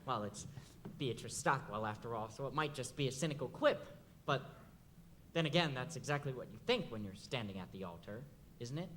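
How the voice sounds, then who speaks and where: A man's voice: medium pitch, expressive, fairly quick, fairly bright tone, slight background noise, close to an everyday voice. A young man playing a rambling show-tune fan. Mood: wistful. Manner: confiding, chatty asides to the audience. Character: middle-aged male theatre fan, nostalgic, rambling. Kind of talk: stage musical acting. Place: school theatre stage.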